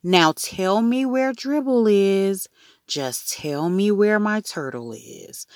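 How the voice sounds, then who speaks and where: A frantic young boy with a high, jumpy voice, urgent and close to yelling, as a woman reads him aloud. The voice swings widely, and the recording is dry and close. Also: animated, slow pace, no echo. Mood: pleading. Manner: urgent, rising to yells. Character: anxious boy of about nine, the storyteller.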